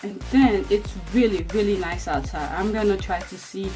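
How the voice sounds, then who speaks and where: A woman's voice: medium pitch, normal speed, darkish tone, faint music behind. A woman in her thirties chatting casually in a diary vlog about her day with her kids, rambling and correcting herself as she goes. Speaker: vlogger and mother.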